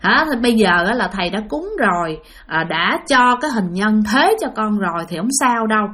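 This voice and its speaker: A woman's voice: mid-range voice, expressive, fairly quick, a bit bright, lightly acted. A woman doing a stern old village exorcist. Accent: Southern Vietnamese. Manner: scolding, reassuring.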